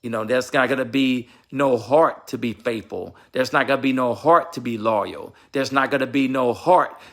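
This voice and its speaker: In a vlog, a man offers marriage advice in a preachy but casual way, emphatic, repetitive, and sermon-like, speaking directly to viewers and asking his wife to confirm his points. His voice is mid-range and fairly bright, at a normal speed.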